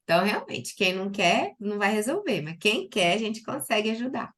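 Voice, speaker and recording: A woman's voice: medium pitch, a little fast. A Brazilian woman, a doctor, giving a chatty live-stream talk to her chat, with lots of fillers and fond little words. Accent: Brazilian Portuguese. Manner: chatty and lively, with many diminutives and filler "né".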